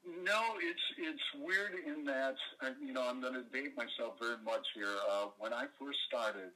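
A man's voice: mid-range voice, normal speed, bright, forceful tone, rough recording. A middle-aged man from Michigan, an actor guest telling a rambling anecdote and acting out the voices of people in it. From Michigan, USA. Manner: rambling storyteller, acts out quoted voices. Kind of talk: casual anecdote in an interview.

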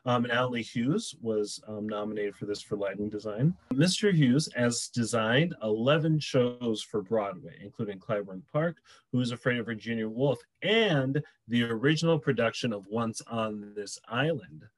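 A young man co-hosting a casual chat show, reading out nominees and reacting with loud cheers. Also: medium pitch, moderate pace, hardly any pauses, rough recording. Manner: excitable, cheers and whoops loudly. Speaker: podcast co-host.

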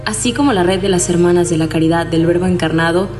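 A woman reading a scripted podcast introduction in an even, read-aloud voice. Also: lowish voice, fast. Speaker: podcast announcer. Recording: music behind the voice.

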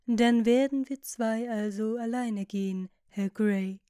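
A woman reading a witty cynical gentleman. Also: fairly high pitch, fairly even intonation, slow, clear, resonant tone, no echo, studio quality. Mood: ironic. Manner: ironic, lecturing.

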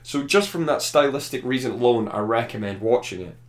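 A man's voice: medium pitch, brisk. A man chatting casually about a film, thoughtful and rambling, often restarting his sentences. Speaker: film reviewer. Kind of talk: casual podcast chat.

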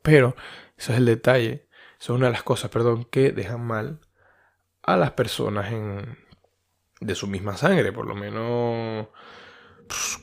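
A Venezuelan man talks through a podcast episode on his own, loose and unscripted, circling back with fillers and half-finished phrases. His voice sits a little low for a man. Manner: loose and rambling, many fillers and restarts. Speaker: podcast host. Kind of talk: casual monologue.

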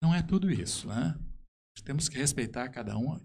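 A man with a southern Brazilian accent, a musician guest in a conversational interview, telling anecdotes in a halting, emphatic way. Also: mid-range voice, animated, creaky, a little mellow, breathy edge.

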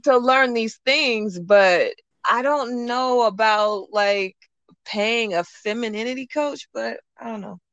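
A woman's voice: on the high side, slow pace, a bit bright, no room sound, lo-fi sound. A woman hosting a podcast, talking in an informal, conversational way. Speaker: podcast host. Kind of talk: casual podcast interview.

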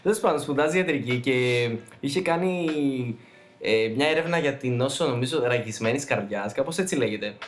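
A man co-hosting a podcast, chatting casually with loose swearing and quick reactions. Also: medium pitch, expressive, slight background noise. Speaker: podcast co-host. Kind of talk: casual chat.

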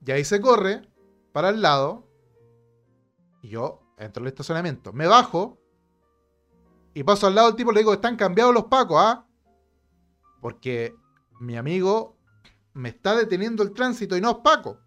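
A man's voice: sits high, moderate pace, long pauses, muffled recording, soft background music. A middle-aged man with a Chilean accent, telling a personal story in a casual, indignant way and acting out both sides of an argument. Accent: Chilean Spanish. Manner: animated, indignant, acts out quoted exchanges.

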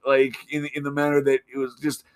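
A man's voice: medium pitch, monotone, fairly quick, clear, resonant tone. A man co-hosting a horror movie podcast, talking casually with blunt, profane opinions. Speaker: podcast co-host. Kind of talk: casual chat.

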